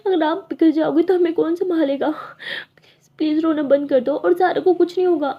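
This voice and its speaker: A woman's voice: very high voice, steady tone, normal speed. A woman voicing a young woman who soothes and pleads with her aunt. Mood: pleading. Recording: dull lo-fi recording.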